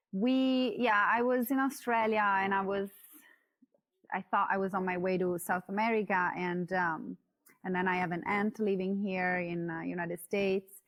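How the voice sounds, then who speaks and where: A woman in her thirties with an Italian accent, a guest on a podcast who talks hesitantly with many fillers and restarts and laughs often. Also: medium pitch. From Italy. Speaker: guest, coach. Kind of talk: casual podcast interview. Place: yurt at home.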